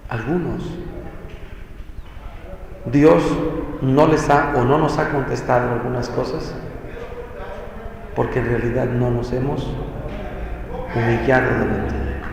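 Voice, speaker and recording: A man preaching a sermon, exhorting with rhetorical questions and dramatic pauses. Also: mid-range voice, steady tone, vocal fry, crowd noise. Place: church. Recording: echoey church hall, faint noise.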